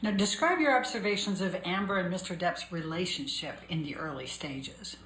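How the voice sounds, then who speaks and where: A woman attorney questioning a witness in court, brisk and businesslike. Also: on the low side, fairly bright tone. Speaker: trial attorney. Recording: echoey courtroom recording, faint noise.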